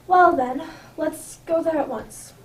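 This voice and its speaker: A woman's voice: high-pitched, slow pace. A woman playing a blunt, eager male police inspector in an amateur radio drama. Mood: eager, puzzled. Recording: echoey room, distant microphone, background noise.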